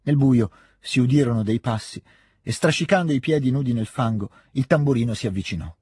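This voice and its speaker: A man with an Italian accent reading a classic novel aloud in a measured, calm audiobook style. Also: medium pitch, slightly rough, no echo, studio quality. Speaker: narrator.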